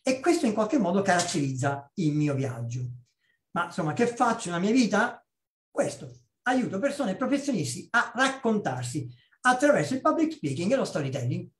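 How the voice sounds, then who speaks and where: A man in his fifties from Naples, a public speaking trainer giving a chatty webinar talk with personal stories, often checking in with a quick "ok?". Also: sits high, roomy sound. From Naples, Italy. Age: 50s. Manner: lively, conversational, checks in with "ok?" and tosses in blunt asides. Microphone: video call.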